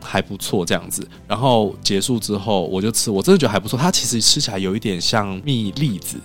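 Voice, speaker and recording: Speaking fast in a fairly low voice over faint background music, a Taiwanese podcast guest shares stories in casual chat. He's an animated storyteller who performs the dialogue he quotes.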